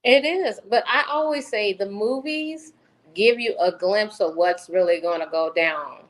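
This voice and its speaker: A woman's voice: mid-range voice, unhurried, rough recording. A woman co-hosting a casual talk show, emphatic and often repeating her point. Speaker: podcast co-host. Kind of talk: casual chat.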